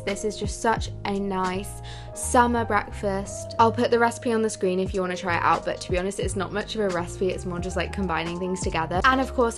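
A young woman in her twenties from England, narrating a casual day-in-the-life vlog in a chatty way full of "like" fillers. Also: medium pitch. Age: 20s. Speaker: vlogger. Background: background music.

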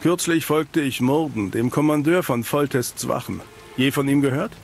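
A world-weary private eye from a fantasy video game, acted by a man, speaking in a cynical noir detective manner. The pitch is middling and the delivery dry. Faint rain sits behind the voice. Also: normal speed, vocal fry, a little hiss or hum, close to an everyday voice. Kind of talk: scripted video game dialogue in German dub.

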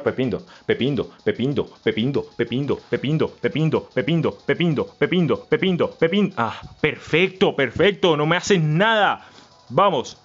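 A man hosting a let's-play, chanting and repeating words and swinging between low mutters and yells. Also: muffled recording. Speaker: gaming channel host. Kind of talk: excited let's-play commentary.

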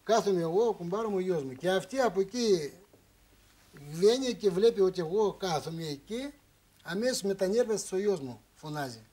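High-voiced man telling a rambling story. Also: expressive, mellow. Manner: rambling, broken Greek with repeated phrases. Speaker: guest on a relationship talk show. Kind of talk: emotional storytelling. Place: television studio.

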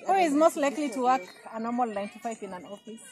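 A young woman with a Kenyan accent, asking tag questions in playful, quick casual chat. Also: on the high side, animated. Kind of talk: casual chat mixing English and Swahili. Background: background music.

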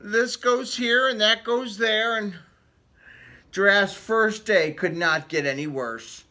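A man reads a picture book aloud to children in a theatrical manner, slipping in casual questions for the young listeners. His voice sits high with a sharp tone, and he goes slowly. The room around him is decorated with book cut-outs.

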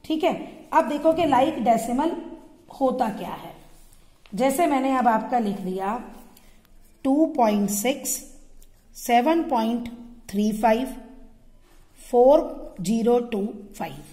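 A woman's voice: fairly high pitch, expressive, slow pace, long pauses, warm tone, big-room sound. A woman math teacher explaining a lesson step by step, asking her students questions and answering them herself. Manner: patient, asks and answers her own questions. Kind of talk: classroom-style tutorial explaining at a board.

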